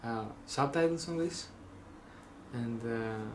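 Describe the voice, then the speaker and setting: A young Greek man with a Greek accent rambles casually in a vlog, peppering his talk with fillers, restarts and wry jokes. His voice is medium-pitched and slow, with a slight hiss or hum.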